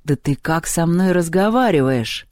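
A storyteller voicing a quick-tempered male supreme god who drawls, shouts and hisses threats. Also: medium pitch, expressive, dry recording, clean studio sound, lightly acted. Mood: furious.

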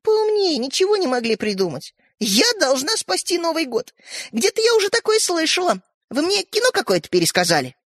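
A woman's voice: extremely high pitch, sing-song, brisk, dry recording, clean studio sound, voice pushed up. A woman voicing a bossy older sister, a girl who mocks and scolds her little brothers in an audiobook. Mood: scornful. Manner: mocking, scolding. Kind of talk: audiobook character reading.

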